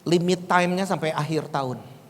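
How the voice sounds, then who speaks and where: A man pastor delivering a lively sermon, moving between quiet storytelling asides and sudden shouted bursts. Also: fairly high pitch, normal speed, a little hiss or hum. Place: church hall. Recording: echoey hall with faint ambience.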